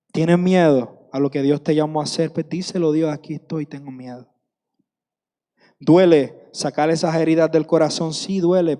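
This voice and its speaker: A man's voice: a little high, dark tone, in a large hall. A man in his thirties preaching a sermon with passion, repeating phrases for emphasis.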